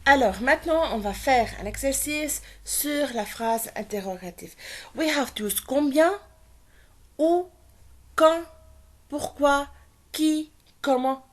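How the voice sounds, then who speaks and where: A female French teacher walks a class through a grammar point, moving back and forth between French and English and repeating the key words. Her voice sits high and her pace is unhurried and deliberate. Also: animated.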